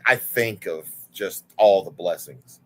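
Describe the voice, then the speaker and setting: This deep-voiced man in his forties speaks at a measured pace as a livestream guest. He chats casually and tells stories animatedly and candidly, swearing freely.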